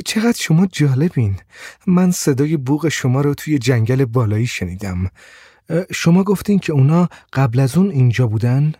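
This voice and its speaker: A man voicing a gentle, shy blind woman who speaks softly and hesitantly, stammering at times. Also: medium pitch, lively intonation, breathy edge, no room sound, studio quality. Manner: soft, hesitant, stammers when upset.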